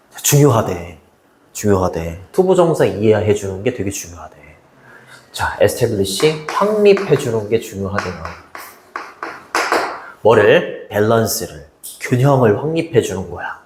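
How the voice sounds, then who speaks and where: A man teaching an English lesson to high school students in a chatty way, often checking in with them. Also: roomy sound, background noise. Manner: lively, chatty, keeps asking students "right?".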